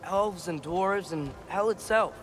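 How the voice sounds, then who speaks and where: An actor playing an earnest, hopeful teenage warrior son in a video game, talkative and searching in manner. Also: male voice, high-pitched, slow, faint music behind. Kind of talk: video game dramatic acting.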